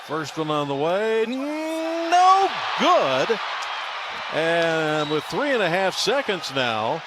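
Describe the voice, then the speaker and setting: Speaking extremely slowly in a high, sing-song voice, a man calls live basketball on the radio and emphatically announces scores and plays. The broadcast comes from a large indoor arena, noisy with a crowd, loud arena sounds and a bouncing basketball.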